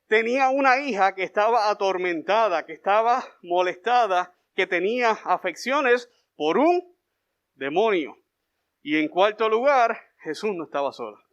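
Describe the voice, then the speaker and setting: A man's voice: high voice, fairly bright tone, lo-fi sound. A man preaching a sermon in a conversational way, acting out the voices of the people he quotes. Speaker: pastor.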